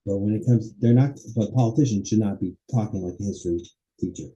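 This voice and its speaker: A man teaching a college public speaking class, lecturing casually and acting out quick everyday dialogue as examples. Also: on the low side, mellow, highs cut off. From Los Angeles area. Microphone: webcam or computer mic while presenting slides.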